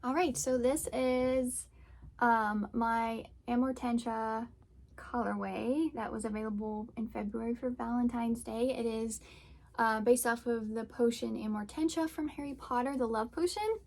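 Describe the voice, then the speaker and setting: A young woman who dyes yarn hosts a casual crafting podcast, chatting in a rambling way full of fillers as she shows her work. Her voice is a little high and a little mellow, with fairly even intonation and an unhurried pace.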